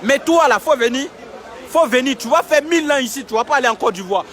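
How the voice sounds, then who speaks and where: A young vlogger livestreams on a handheld phone from a city street camp outdoors, talking emphatically and repeating himself as he urges viewers on. His voice is very high-pitched and a bit bright, with lively intonation and a slightly fast pace, while a faint crowd can be heard.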